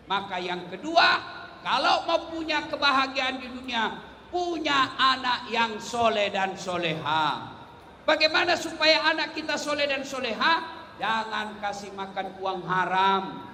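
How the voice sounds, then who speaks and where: A male preacher, giving a lively sermon that teases the crowd and asks them questions. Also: very high voice, slight background noise. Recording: echoey hall.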